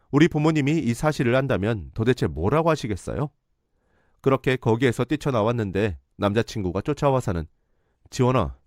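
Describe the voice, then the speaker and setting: A man giving scripted narration of a story in a steady, recounting way. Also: medium pitch, no echo, studio quality.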